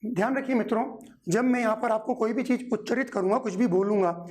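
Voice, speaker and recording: A man's voice: high-pitched, fairly quick, darkish tone. A man teaching a Hindi grammar lesson in an exam-prep lecture. He drills pronunciation by stretching out sounds, repeating his own questions and answers, and calling on viewers as friends to speak along.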